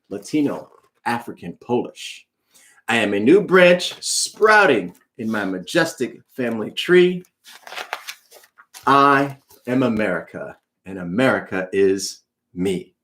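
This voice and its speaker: In this live online read-aloud, a children's author chats warmly and directly with his viewers. His pitch is medium and a bit bright, and there's a slight hiss or hum in the audio.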